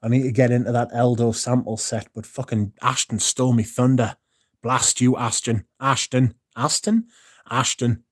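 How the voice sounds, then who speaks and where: Here a British man in his 30s livestreams casually into his phone in a mid-range, steady voice at a moderate pace. He sounds worn out, rambles, swears freely and frequently begins sentences again. The recording is dry and close, free of any room echo.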